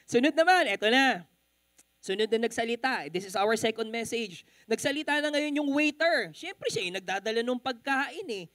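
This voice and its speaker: A woman's voice: fairly high pitch, moderate pace, no room sound. A woman with a Filipino accent preaching a sermon, switching between Tagalog and English and acting out the people in her story. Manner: animated, mixing Tagalog and English, acting out quotes.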